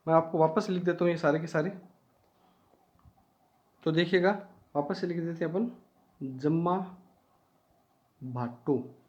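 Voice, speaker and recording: High-voiced teacher drilling exam facts. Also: male voice, steady tone, a little slow, long pauses, a little mellow, dull audio. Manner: repetitive, drilling key facts, asks and answers his own questions. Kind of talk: online exam-prep lesson.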